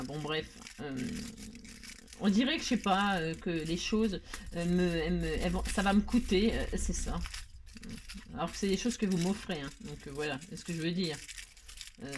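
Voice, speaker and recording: A woman's voice: fairly low pitch, noisy background. A woman hosting a casual craft tutorial, chatting in a rambling, self-mocking way with frequent laughs and asides.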